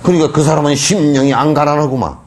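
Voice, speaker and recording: A middle-aged man, a Buddhist monk, giving a dharma lecture in a colloquial, mocking way with lively asides. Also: fairly high pitch, quick pace.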